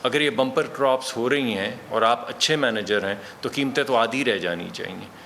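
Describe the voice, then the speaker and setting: A man's voice: mid-range voice, vocal fry, a bit bright, a little hiss or hum. A man arguing as a guest on a political TV talk show, critical and building his case point by point.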